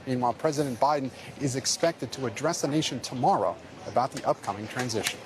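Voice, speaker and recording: Guy reporting live outside, average pitch, a bit of street noise behind him. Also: fast talker. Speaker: news correspondent. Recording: outdoor live shot, faint street noise.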